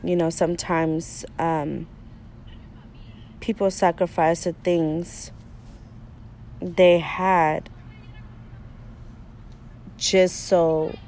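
A young woman leading a class discussion about a film, steady and posing questions to her partner. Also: fairly low pitch, very slow, pauses often, slight background noise. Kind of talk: discussion presentation.

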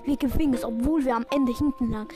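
A woman giving excitable, self-mocking play-by-play commentary while she plays a video game. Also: high-pitched, fast talker, over music. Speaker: gaming video creator. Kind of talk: live gameplay commentary.

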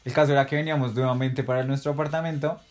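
A man's voice: mid-range voice, fairly even intonation, very fast. A young man, chatting casually with a friend and telling stories in heavy slang. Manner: slangy, storytelling, laughs often. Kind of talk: casual chat between friends.

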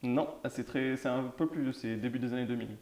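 A man's voice: mid-range voice, fairly quick, a little mellow. A man hosting a casual podcast chat, playfully quizzing friends on film titles and laughing often. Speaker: podcast host. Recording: roomy echo with faint hiss.

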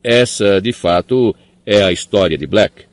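A man doing a calm old headmaster. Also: fairly low pitch, no echo, close to an everyday voice. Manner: calm, measured, slow. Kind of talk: audiobook character voice.

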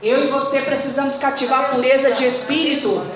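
A woman's voice: high voice, steady tone, brisk. A woman with a Brazilian accent preaching a fervent sermon to her congregation in a church. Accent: Brazilian Portuguese. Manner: fervent, addresses congregation as brothers. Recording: very echoey church hall, faint noise.

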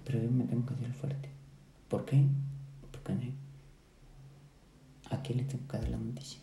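A man's voice: medium pitch, level tone, normal speed, gravelly, dark tone. A young man with a Mexican accent, a podcast guest, retelling a personal story with feeling and acting out the voices of his relatives. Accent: Mexican Spanish. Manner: emotional retelling, acts out quoted relatives. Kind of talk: casual storytelling chat. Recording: roomy echo, faint background noise.

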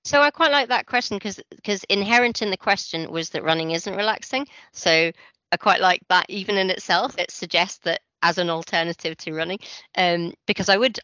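Bright Aberdonian Scottish woman. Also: fairly low pitch, fairly quick, no echo, highs cut off. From Aberdeen, Scotland. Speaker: podcast guest, runner. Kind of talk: casual interview chat.

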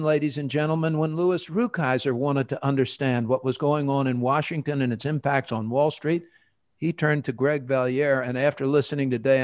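American male podcast host, medium pitch. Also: no room sound, studio quality. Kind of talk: conversational interview hosting with formal sign-off.

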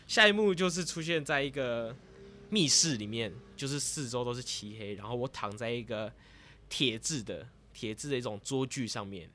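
A man casually retelling a dream in a rambling, lively way as a vlogger. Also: medium pitch, normal speed, a little hiss or hum. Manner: rambling and lively, grows excited as the story goes on.

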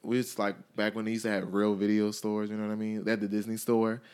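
A man's voice: fairly low pitch, flat delivery, fast talker, a little mellow, clear, resonant tone. A man hosting a casual music podcast, playful and teasing, with mock-announcer flourishes. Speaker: podcast host. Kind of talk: casual chat.

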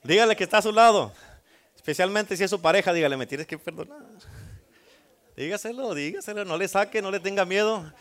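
A man's voice: sits high, lively intonation, a little fast, a bit bright. A middle-aged male pastor, preaching a sermon and calling on the congregation for amens. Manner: call-and-response preaching, asks congregation for amens.

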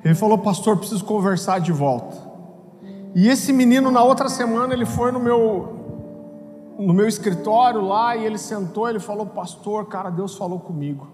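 A Brazilian man, a pastor, telling a story in a sermon with lively humor and acted-out voices. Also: sits high, normal speed, background noise. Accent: Brazilian Portuguese. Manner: animated, acts out voices, jokes. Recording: hall reverb with music behind.

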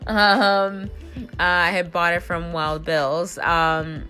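Chatty, bright-voiced woman rambling. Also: lowish voice, slow, faint music behind. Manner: rambling, chatty, frequent fillers and restarts; bursts of excitement with animated quoted reactions. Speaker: convention reviewer and interviewer. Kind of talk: casual recap monologue.

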